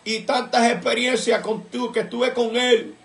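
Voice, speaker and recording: A man's voice: very high-pitched, flat delivery, a little slow, creaky, fairly bright tone, roomy sound. A man giving an earnest religious testimony, telling his story with repeated recollections and bursts of praise. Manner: fervent, breaks into praise mid-story. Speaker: church member giving testimony.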